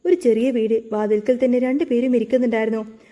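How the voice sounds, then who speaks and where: Casting: woman narrator, steady story reading, mellow tone. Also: fairly high pitch, fast. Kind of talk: read-aloud retelling of a serial.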